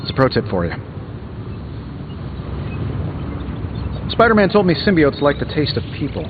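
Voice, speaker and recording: Iron Man, glib and animated. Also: a little high, rapid-fire, lo-fi sound, background noise. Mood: teasing. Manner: glib, sarcastic, wisecracking. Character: quippy, cocky armored superhero inventor, adult man. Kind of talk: video game character dialogue.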